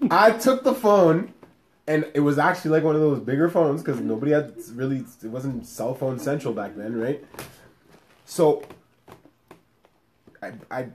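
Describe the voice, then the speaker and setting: A young adult man co-hosting a podcast, telling a story in casual chat with lively, laughing energy. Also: medium pitch. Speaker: podcast co-host.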